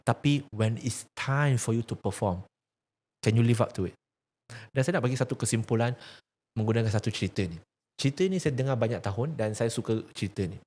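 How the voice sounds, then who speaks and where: A man's voice: mid-range voice, fairly quick, darkish tone. Man, Malaysian accent, emphatic, preachy, rhetorical questions, storytelling. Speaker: religious activist speaker. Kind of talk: earnest discussion with storytelling.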